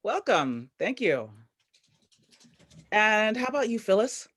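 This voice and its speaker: A woman's voice: medium pitch, sing-song, slow, fairly bright tone, husky. A woman hosting a workshop on a video call, upbeat, welcoming and chatty. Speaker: workshop host.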